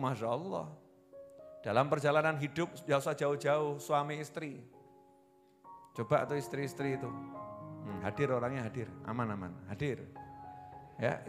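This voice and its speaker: A man preaching a humorous sermon to a live gathering, animated and rising to loud emphatic peaks. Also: mid-range voice. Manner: animated, rises to loud emphatic peaks, playful asides to audience.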